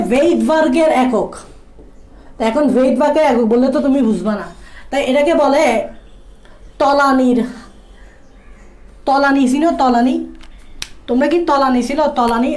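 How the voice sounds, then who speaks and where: Woman teacher, high voice, repetitive and questioning delivery, roomy echo. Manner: repeats phrases, asks students questions. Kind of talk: biology lesson. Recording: echoey room.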